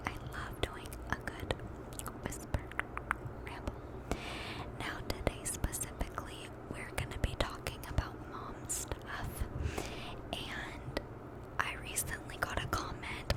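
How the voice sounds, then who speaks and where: A young adult woman whispering a casual ASMR ramble to her viewers, softly repeating some of her words. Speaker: ASMR video host.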